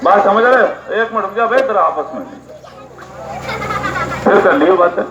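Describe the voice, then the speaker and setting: A man giving a political speech to a village gathering, repeating figures and questions and rising to indignant shouts. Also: high-pitched, expressive, moderate pace. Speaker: political party speaker. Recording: echoey, dull PA sound with crowd noise.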